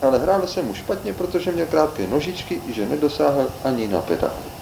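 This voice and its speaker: A man reading a children's storybook aloud, expressive and animated. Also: on the high side, creaky, a little hiss or hum, low-quality recording.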